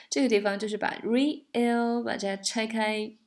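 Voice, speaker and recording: A woman teaching the pronunciation of a pop song, patiently explaining linked sounds and laughing softly now and then. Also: medium pitch, little pitch movement, fairly quick. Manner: explains patiently, sings lines then breaks them down. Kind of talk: song lesson, explaining and singing examples.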